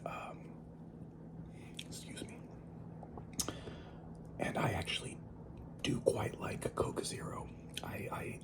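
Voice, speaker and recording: A person whispering in a breathy, unvoiced voice, chatting casually and informally as the host of an ASMR eating video.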